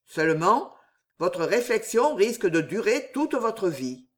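A cold, commanding older man, as a male reader plays him, heading a secret order and issuing threats with slow, deliberate weight. his voice stays fairly high but controlled. it is read aloud like a storybook. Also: big pitch swings, a bit bright, heavily acted. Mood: menacing. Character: stern older male superior of an order, menacing.

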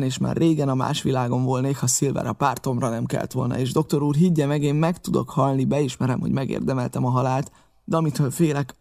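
A man's voice: medium pitch, vocal fry, dark tone, natural voice. A man voicing an honest, earnest young cabin boy pleading with an elder, in an audiobook reading. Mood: fearful.

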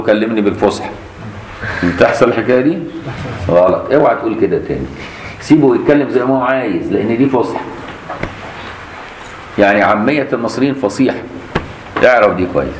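Deep-voiced Egyptian sheikh teaching recitation. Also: male voice, fast talker, long pauses. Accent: Egyptian Arabic. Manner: demonstrates recitations, quizzes students. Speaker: sheikh teaching Quran readings. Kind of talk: lecture on Quran recitation variants. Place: mosque. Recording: echoey mosque with faint noise.

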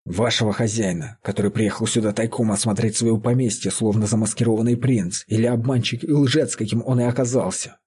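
A man voicing a grim, vengeful farmer who speaks calmly and accusingly. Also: mid-range voice, breathy edge. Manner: calm, accusing. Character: grim vengeful middle-aged male farmer, calm and sure.

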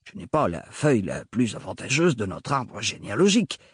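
A man's voice: on the low side, sing-song, fairly quick, breathy edge, pitched below the performer's own voice, heavily acted. A man reading aloud, voicing a grumpy old great-uncle who scolds in indignant outbursts in a storybook. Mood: grumbling.

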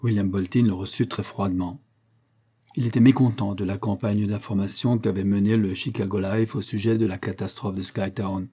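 A male narrator reads a novel in a measured, even way. His voice is low and mellow, with a husky edge. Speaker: audiobook narrator.

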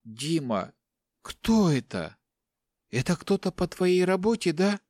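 A man's voice: a little high, wildly swooping pitch, very slow, darkish tone, dry recording, studio quality, pitched above the performer's own voice, heavily acted. A man voicing a weak, frightened middle-aged woman, speaking faintly and pleading in a raised voice.

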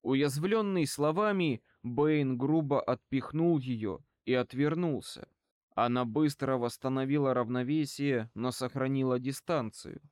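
A male audiobook reader narrates in an even, measured manner. His voice sits in a typical middle male range. The recording is dry and close, with no room echo. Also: medium pitch, smooth.

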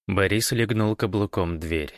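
A man narrating an audiobook in an even, measured reading. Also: lowish voice, no echo, clean studio sound.

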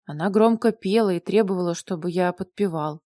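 A distraught, tearful young husband spills out his words in an agitated, pleading rush, as a woman reader puts him on. The voice stays mellow and warm at the bottom, and the sound is dry and close, like a small recording booth. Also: lowish voice, a little fast, no room sound, lightly acted. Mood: flustered. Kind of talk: audiobook character voice.

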